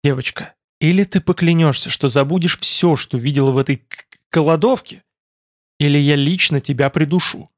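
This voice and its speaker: A man's voice: on the high side, moderate pace, dry recording, close to an everyday voice. A male reader voicing a hot-tempered noble lord who swings between indignant outbursts and grumbling. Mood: threatening.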